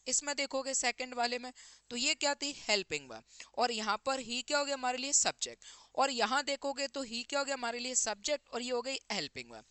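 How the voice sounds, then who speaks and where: A man teaching an exam-prep grammar lesson. He asks quick questions and answers them himself, and he mixes English grammar terms into his talk. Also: extremely high pitch, pushed and bright, clear, resonant tone, no room sound.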